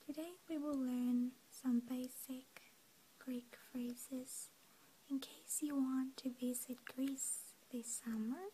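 Slow, softly whispering woman teacher. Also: high-pitched, slight background noise, rough recording. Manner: soft whispering throughout; calm, gentle instructions. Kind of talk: ASMR language lesson.

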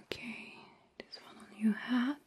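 A woman speaks almost entirely in a soft, breathy whisper, unhurried and tender. Her underlying tone sits a little high, and she lingers over each phrase as if tending to a patient. It is an ASMR caregiver roleplay, gentle throughout. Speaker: ASMR performer.

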